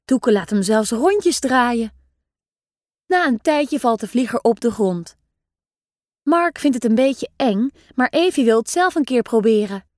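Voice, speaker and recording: A woman reading a children's story aloud in a lively, expressive way. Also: a little high, a little slow, dry recording, clean studio sound.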